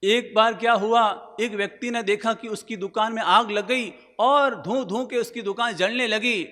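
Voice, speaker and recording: A man's voice: high-pitched, fairly even intonation, normal speed, bright, forceful tone. A male monk preaching a sermon, telling anecdotes and asking rhetorical questions. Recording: long hall reverb.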